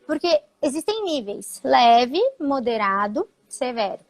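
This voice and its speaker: A woman's voice: sits high, animated, takes it slowly. A woman speech therapist, explaining patiently in a live talk, with frequent fillers.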